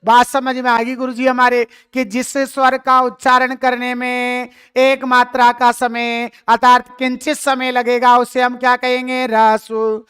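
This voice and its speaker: A man's voice: very high voice, bright, forceful tone, clear, resonant tone. A man teaching a lesson, who stretches his vowels and asks and answers his own questions. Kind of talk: classroom lecture.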